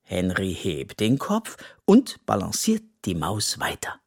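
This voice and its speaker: Gentle, animated narrator for a children's audiobook. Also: sits low, takes it slowly, gravelly, slightly rough. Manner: gentle, lively reading. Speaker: storyteller.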